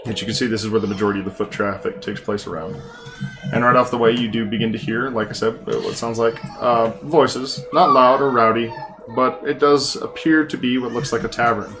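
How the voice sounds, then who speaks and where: A man narrating a tabletop game as game master, improvising descriptions and halting as he searches for words. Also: medium pitch, steady tone, music in the background.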